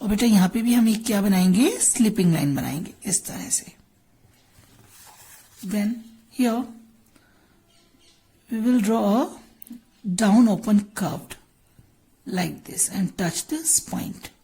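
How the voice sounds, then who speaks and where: A woman's voice: mid-range voice, takes it slowly, pauses often, dark tone. An Indian woman teacher giving a patient drawing and Hindi lesson to young children, repeating words and switching between Hindi and English.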